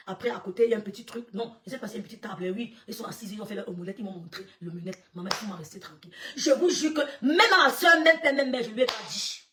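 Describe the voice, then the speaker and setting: A woman telling a story live to her viewers, lively and laughing often, acting out what others said and greeting people as they join. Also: mid-range voice, distant mic. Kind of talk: animated storytelling on a live stream.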